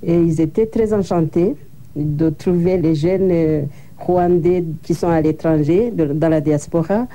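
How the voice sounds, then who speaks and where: A woman's voice: fairly low pitch, measured pace, dark tone. A woman giving interview answers in a plain, matter-of-fact storytelling way. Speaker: interviewee, association co-founder.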